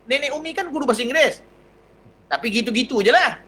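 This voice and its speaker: A Malaysian man with a Malay accent, a religious teacher telling a personal story in a lively, anecdotal lecture. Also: extremely high pitch, quick pace, slightly rough, poor audio. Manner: lively anecdotal telling, acts out dialogue, chuckles.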